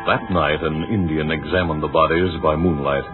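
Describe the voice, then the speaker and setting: Deep-voiced old radio drama narrator. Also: male voice, steady tone. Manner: measured, dramatic. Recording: tinny old radio broadcast with music. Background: music.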